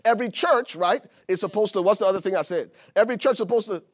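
High-voiced pastor preaching from Liberia. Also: male voice, quick pace. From Liberia, West Africa. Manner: preaching with rising emphasis, at times shouting. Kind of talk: sermon.

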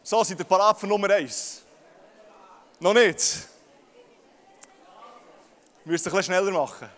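A man's voice: high voice, unhurried, a bit bright. A young man with a Swiss German accent preaching a sermon to a large crowd, often stammering and repeating words as he speaks to them directly. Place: large hall with audience. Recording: long hall reverb.

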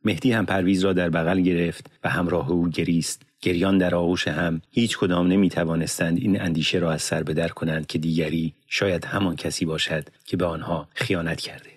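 A man narrating an audiobook in a measured, solemn reading on a close studio mic. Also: deep voice, little pitch movement, husky, dry recording. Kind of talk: scripted narration.

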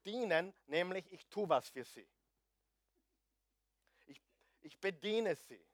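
A middle-aged man preaching a sermon, joking with the congregation and swinging between loud emphasis and hushed asides. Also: high-pitched, lively intonation, takes it slowly, no room sound, studio quality. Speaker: pastor.

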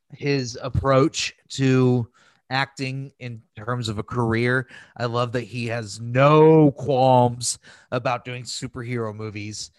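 With a medium-pitched voice and no echo, a man hosts a laid-back film review podcast. He gushes emphatically about the movies in a crass way, swearing without restraint.

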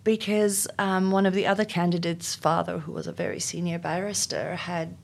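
A middle-aged South African HR executive, Afrikaans her first language, gives thoughtful answers as an interview guest, with frequent ums and restarts. Her voice sits on the low side, gravelly, at a moderate pace.

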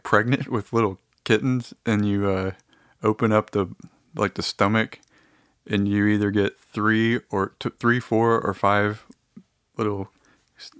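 A man's voice: fairly low pitch, a bit bright, smooth, no echo, studio quality. A man talking to his audience in a casual, meandering, easygoing monologue.

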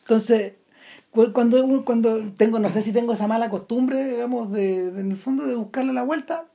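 Chilean woman, casual film chat, mellow tone, halting delivery with restarts. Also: a little high, creaky. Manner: hesitant, many restarts. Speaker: film commentator.

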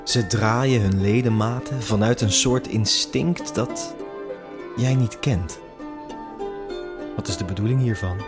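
Over background music, a man with a lowish voice narrates an immersive audio drama in the second person. He speaks slowly with long pauses, building suspense as he tells the story.

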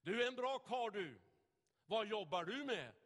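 Preacher playing a loud, burly tram passenger, blunt and bellowing, echoey hall. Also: male voice, very high-pitched, gravelly, pitched above the performer's own voice, full character voice. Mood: hearty.

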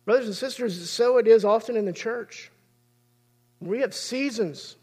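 A man's voice: extremely high pitch, unhurried, darkish tone, husky. A man, preaching a sermon as pastor in an earnest, conversational way.

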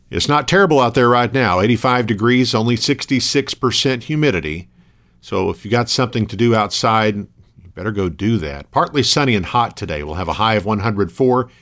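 Male, local radio news host, mid-range pitch, scripted reading, matter-of-fact, measured. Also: fairly bright tone.

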